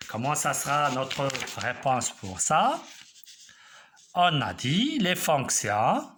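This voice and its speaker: Male math teacher, classroom lesson, step-by-step explaining, bright voice, very lively pitch. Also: slight background noise. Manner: slow, explaining step by step, checking with students.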